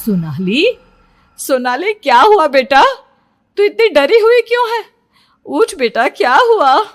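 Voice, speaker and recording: Fussing worried mom in middle age, soft scolding, slow and high, as a woman storyteller puts her on. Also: very animated, exaggerated voice. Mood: alarmed. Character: worried caring middle-aged mother.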